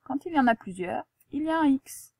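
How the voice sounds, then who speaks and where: A woman's voice: high voice, expressive, fairly quick, vocal fry, dark tone, a little hiss or hum. A woman teacher giving a spelling lesson and dictation to a young pupil, articulating carefully, spelling out letters and asking the pupil patient questions.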